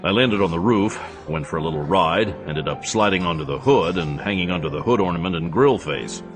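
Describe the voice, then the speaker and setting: Tough action hero, extremely low voice, dry and understated, audio drama over clear music. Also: male voice, expressive, fairly quick. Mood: matter-of-fact. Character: tough, laconic male action hero, drily teasing.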